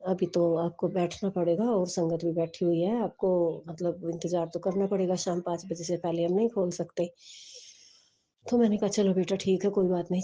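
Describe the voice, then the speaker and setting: A woman's voice: on the low side, mellow, husky. A woman telling the congregation a personal devotional story, rambling, with restarts and quoted dialogue. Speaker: devotee sharing a testimony. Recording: home phone voice recording.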